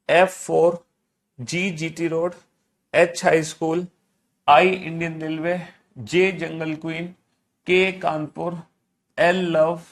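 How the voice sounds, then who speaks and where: A man teaching a class, repeating each instruction and coaxing students with affectionate teasing as he drills them. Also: on the high side. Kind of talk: classroom lesson.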